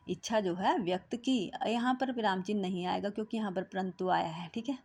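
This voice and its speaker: A woman teacher patiently working through a children's textbook exercise, often pausing to check in with her class. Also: medium pitch, darkish tone. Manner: patient, repeats "ठीक है" between steps.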